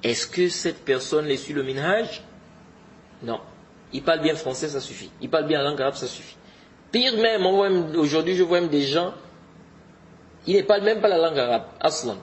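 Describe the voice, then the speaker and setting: This religious teacher speaks at a moderate pace in a voice on the high side with lively intonation, over a slight hiss or hum. His lesson is informal: he urges his listeners on, repeats his points often, and sprinkles in Arabic religious terms.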